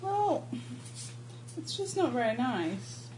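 A woman's voice: sits high, sing-song, slow pace. A woman chatting casually as a player in a tabletop game. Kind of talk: casual chat. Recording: echoey room with clear noise.

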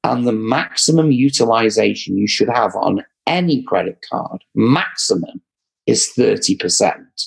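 A man's voice: lowish voice, animated, a little slow, creaky, slightly rough, rough recording. A man with an English accent, a credit repair business owner giving earnest, repetitive advice in a casual chat. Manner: earnest, advising, repeats for emphasis. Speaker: credit repair company guest.

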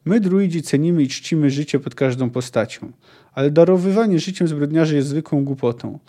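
A man reading aloud, voicing an older female druid leader who speaks calmly and dryly in his own voice. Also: a little high, a little fast, natural voice. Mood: dry firm. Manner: calm, dry, matter-of-fact.

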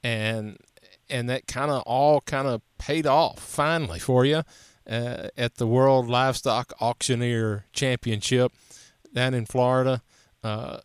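Smooth-voiced Southern male interviewer. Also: medium pitch, no echo. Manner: halting, rambling phrasing. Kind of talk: casual interview questions.

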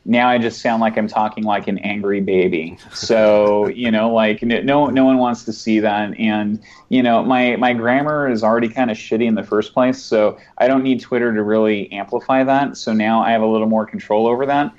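A man's voice: lowish voice, fairly even intonation, normal speed, few pauses, a little mellow. A man with a mid-range voice talks on a tech podcast through a dull, muffled recording. He jokes at his own expense and asks the others questions. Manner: self-deprecating, joking, asks questions. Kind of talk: casual tech podcast chat.

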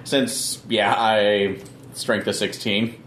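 A man's voice: fairly low pitch, level tone, extremely slow, fairly bright tone, echoey room, slight background noise. A man talking casually as a player in a tabletop game.

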